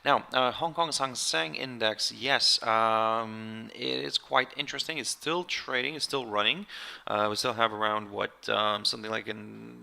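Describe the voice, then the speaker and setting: A man hosting a live market webinar, talking casually to viewers with many fillers, a little hoarse and clearing his throat now and then. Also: medium pitch, fairly even intonation, unhurried, pushed and bright.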